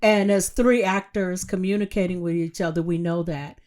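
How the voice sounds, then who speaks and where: A woman co-hosting a podcast, responding warmly with quick interjections. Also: fairly low pitch, fairly even intonation. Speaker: podcast co-host. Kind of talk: casual interview chat.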